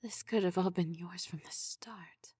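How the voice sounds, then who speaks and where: Woman playing a deep, breathy possessive queen, whispered role-play. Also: mellow, no echo, studio quality. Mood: tender, yearning. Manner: formal, measured, controlling. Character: possessive, devoted necromancer queen, regal and soft-spoken.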